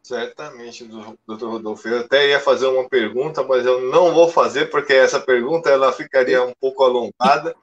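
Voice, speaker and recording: Male live-stream host, mid pitch, polite and halting; choppy buffering call audio, muffled. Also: fairly even intonation. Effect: choppy audio that breaks up from a lagging connection. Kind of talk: casual live interview over a video call. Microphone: video call.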